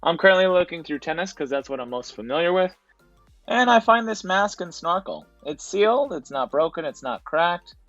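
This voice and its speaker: A man's voice: fairly high pitch, sing-song, moderate pace, fairly bright tone, no echo, muffled recording, faint music behind. A man narrating his thrift store trip as a voice-over for his reselling vlog, in a casual, explanatory way. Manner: casual, explanatory, repeats "to be honest".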